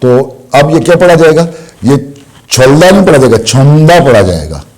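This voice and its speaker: A man teaching a language lesson, explaining slowly and asking questions he answers himself. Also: mid-range voice, very animated, darkish tone, slightly rough. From Pakistan. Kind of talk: classroom lesson.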